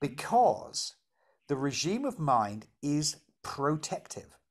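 A man leads a lesson with a lively, swinging delivery. His pitch rises and falls a lot as he explains. He sounds animated and breaks into small laughs at his own examples. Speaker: teacher. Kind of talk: explaining a meditation exercise.

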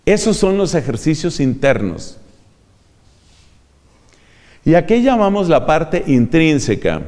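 A man teaching how to preach, in a measured lecture manner that shows off his vocal range. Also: a little high, sing-song, darkish tone. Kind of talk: homiletics lecture. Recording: long hall reverb.

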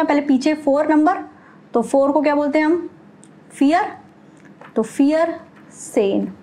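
A woman with a high, light voice, teaching a beginner language lesson. She keeps posing questions to the learner and answering them herself, slipping English words into her explanations. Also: dark tone. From India.

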